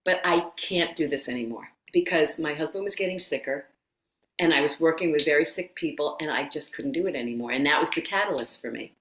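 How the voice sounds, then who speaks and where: A middle-aged woman, a yoga teacher and former occupational therapist, telling her story as a guest in a casual interview, animated and quick to laugh. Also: sits low, slight background noise. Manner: animated storyteller who acts out quotes and laughs often. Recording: roomy echo.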